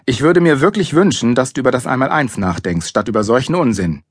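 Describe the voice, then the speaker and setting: A man's voice: mid-range voice, expressive, moderate pace, dry recording, clean studio sound, lightly acted. A man voicing a strict, impatient father who scolds his son. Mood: scolding. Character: annoyed strict father, middle-aged man.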